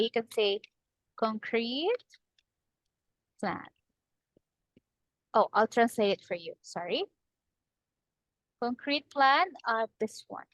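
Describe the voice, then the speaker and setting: Patient Filipina tutor on a dry video call. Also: female voice, fairly high pitch, fairly bright tone, no room sound, poor audio. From Philippines. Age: 20s. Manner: patient, encouraging, repeats the student's name often. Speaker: English tutor. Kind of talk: online speaking lesson.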